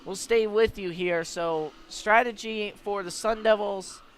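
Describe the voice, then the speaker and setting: In a rough recording of a live sports broadcast, a man calls the play-by-play for radio from the venue's broadcast position. His voice is high-pitched and fairly bright, his pace unhurried, with clear venue noise around him.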